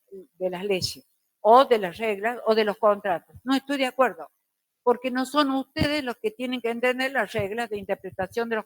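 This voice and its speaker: A middle-aged woman teacher, lecturing a class slowly and deliberately with careful diction. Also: fairly high pitch, no echo.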